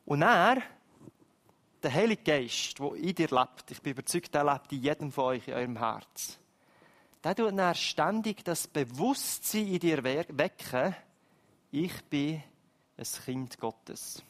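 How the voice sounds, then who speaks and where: Man, Swiss German accent, sermon, lively, emphatic, high voice. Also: unhurried. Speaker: preacher.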